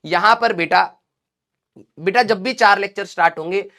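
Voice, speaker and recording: A man's voice: sits high, moderate pace, sharp tone. A male coaching teacher gives a motivational lecture to his students. He speaks directly and in a fatherly way, drilling the same points home again and again. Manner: fatherly and direct, calls students 'beta', repeats key points.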